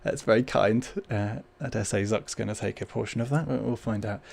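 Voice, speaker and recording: A man's voice: fairly low pitch, fairly even intonation, a little fast, vocal fry, darkish tone. A man hosting a livestream with casual, hesitant, rambling informal chat. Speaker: livestream host.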